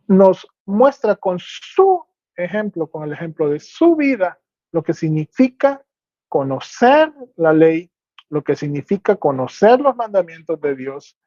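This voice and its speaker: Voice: medium pitch, a little mellow, no room sound. A Bible teacher giving a teaching sermon, explaining step by step and checking with rhetorical questions whether listeners follow. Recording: dull lo-fi dry sound.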